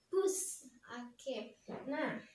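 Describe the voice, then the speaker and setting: High-voiced young woman teacher, echoey classroom. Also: lively intonation, darkish tone, recorded from a distance, a little hiss or hum. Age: young adult. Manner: encouraging, slow and clear, praising pupils. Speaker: student teacher. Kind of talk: classroom lesson for young children. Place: primary school classroom. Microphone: far camera.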